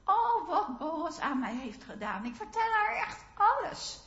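A woman's voice: extremely high pitch, sing-song, a little slow, a bit bright, voice pushed up, full character voice. Ruth, a young widow telling her story, as a woman preacher plays her. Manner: intimate storytelling in first person. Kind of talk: first-person sermon monologue. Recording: roomy, slightly dull sound.

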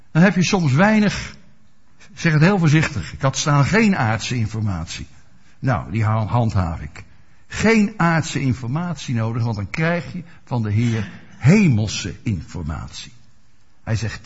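A man's voice: medium pitch, breathy edge. A male preacher giving a sermon, asking his listeners rhetorical questions and explaining scripture with everyday examples. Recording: dull lo-fi recording.

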